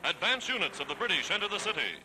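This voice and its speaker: A man's voice: sits high, sing-song, fast talker, poor audio. A man giving 1940s wartime newsreel narration in a declamatory, stirring and triumphant way. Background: loud music.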